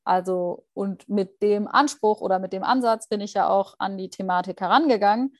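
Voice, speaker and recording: A woman's voice: medium pitch, normal speed, no echo. Dry-voiced young woman thinking aloud. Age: young adult. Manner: thoughtful, hesitant, many fillers and restarts. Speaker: guest, junior anesthesia doctor. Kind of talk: reflective interview answers.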